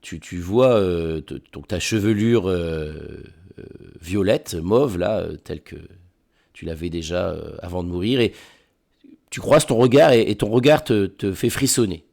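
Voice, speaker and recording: A man narrating a tabletop role-playing game as game master, halting and often repeating words. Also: low-pitched, vocal fry, a little mellow.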